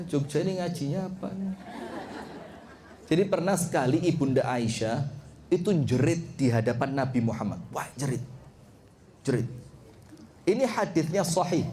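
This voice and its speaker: Middle-aged Javanese-accented male preacher, high pitch, playful and animated sermon delivery. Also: a little hiss or hum. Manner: jokey, animated, mixes Javanese and Arabic phrases, asks the audience questions. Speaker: Islamic preacher. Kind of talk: lively sermon to a live congregation.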